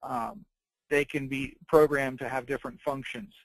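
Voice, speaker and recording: A man presenting an informal product tutorial, explaining things in a halting, piecemeal way. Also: medium pitch, steady tone, gravelly, dry recording, low-quality recording. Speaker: presenter demonstrating dictation devices and software. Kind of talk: informal product tutorial narrated over slides.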